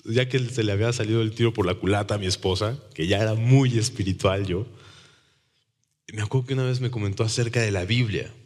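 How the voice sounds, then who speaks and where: Low-voiced Mexican man telling his story. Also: a little fast, big-room sound. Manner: animated storytelling, acts out quoted voices. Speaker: testimony speaker. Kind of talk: conversational testimony.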